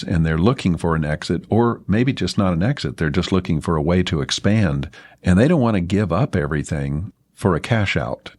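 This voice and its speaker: A man's voice: low-pitched, a little mellow, dry recording. A man hosting an interview, reflecting on what the guest said and affirming him with a personal anecdote. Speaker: podcast host. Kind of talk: interview commentary.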